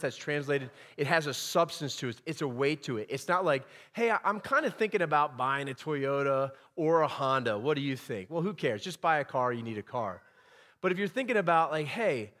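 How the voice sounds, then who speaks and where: A man's voice: mid-range voice, a bit bright. A middle-aged man preaching a sermon in a conversational way, acting out the voices he quotes. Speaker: guest preacher.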